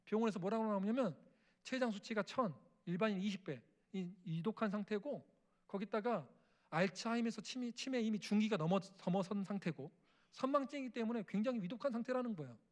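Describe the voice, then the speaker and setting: A man's voice: sits high, lively intonation, fairly quick. A middle-aged male missionary preaching an emotional testimony sermon in a church, acting out family dialogue and prayers. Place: church sanctuary.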